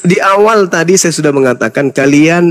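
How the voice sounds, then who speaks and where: A man's voice: fairly high pitch, expressive, fairly quick, soft background music. A man, an Islamic preacher, in a heated interfaith debate, lecturing insistently and talking over the other man.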